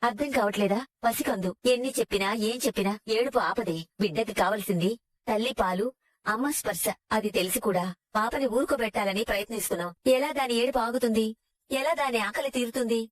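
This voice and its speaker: An older woman playing a grandmother who gently soothes and reassures her family. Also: on the high side, fast, natural voice. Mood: soothing. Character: grandmother soothing a crying baby. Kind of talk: Telugu TV serial acting.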